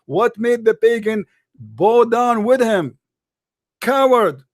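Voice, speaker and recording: A man hosting a heated call-in debate, combative and taunting, repeating his questions, his voice hoarse from shouting. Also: very high-pitched, slow pace. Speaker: host of a live call-in debate show.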